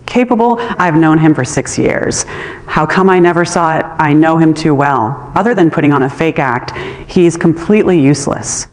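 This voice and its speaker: A scornful young woman, as a story narrator puts her on, cutting and dismissive. The voice sits at a middle pitch and trails off into a long hall echo. She sounds flatly sure of herself. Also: moderate pace, lightly acted. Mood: sarcastic. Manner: mocking, dismissive.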